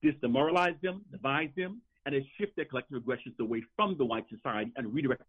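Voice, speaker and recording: A man's voice: mid-range voice, fast talker, husky. A man calling in and lecturing insistently over a bad phone connection that keeps breaking up. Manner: insistent, lecturing, with repeated restarts. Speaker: caller, guest speaker. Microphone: telephone. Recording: tinny phone line.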